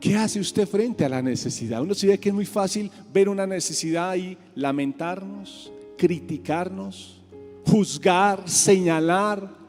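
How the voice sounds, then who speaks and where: A man preaching a sermon as pastor, swinging between quiet asides and loud repeated calls. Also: a little slow, soft background music. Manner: preaching with big swings in pitch and volume, repeating key words. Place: church sanctuary. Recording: church hall reverb with soft instrument behind.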